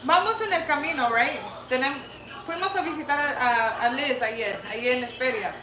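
A young woman, a mother, excitedly telling a story on a livestream and mixing in English words. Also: high voice, moderate pace. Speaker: co-host, mother. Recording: echoey, distant, noisy livestream audio.

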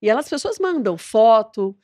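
A woman, a TV presenter, chatting as a podcast guest and telling a story lively, acting out the dialogue. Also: a little high, normal speed, dry recording, clean studio sound. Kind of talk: casual interview chat.

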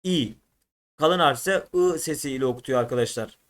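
A man's voice: medium pitch, brisk. A male teacher giving an exam-prep lesson, addressing his students and sounding out letters and syllables one by one.

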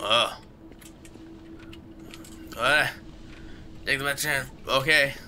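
A man's voice: mid-range voice, fairly even intonation, very slow, sharp tone, a little hiss or hum. A man giving let's play commentary on a horror game, muttering to himself and yelping at every scare. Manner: jumpy, yelps and screams at scares. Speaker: gamer playing a horror game.

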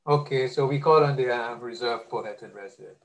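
A man with a mid-pitched voice moderates a webinar. He is courteous and plainly spoken as he thanks speakers and guests and hands over to the next part. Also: brisk, low-quality recording. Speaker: webinar host.

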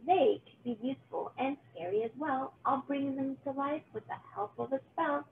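A woman's voice: sits high, normal speed, phone-quality sound, slight background noise. Woman acting a screeching, bossy old witch. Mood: scheming, exasperated. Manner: screeching, snapping orders. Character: bossy wicked old witch, snappish and menacing.

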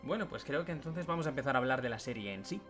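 Guy cohosting a chatty podcast, mid pitch, goes on at length, faint music under it. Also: expressive, very fast, fairly bright tone. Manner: conversational, explains at length. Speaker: podcast co-host. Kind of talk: casual chat.

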